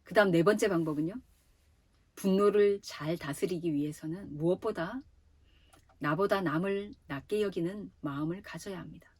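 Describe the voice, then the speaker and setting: A woman gives a youth sermon in a soft, mellow voice with some breath in it. She talks straight to her young listeners in a lively teaching way. Her voice sounds dry and close to the mic. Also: lowish voice, normal speed, breathy edge, no echo. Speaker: youth ministry preacher. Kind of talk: sermon to teenagers.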